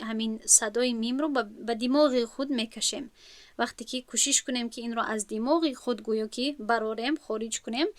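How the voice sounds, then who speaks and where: A woman's voice: on the high side, fairly bright tone, no echo. A woman with a Tajik accent, teaching an online lesson on recitation rules and drawing out example words with care. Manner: slow, careful, drawn-out demonstration of words.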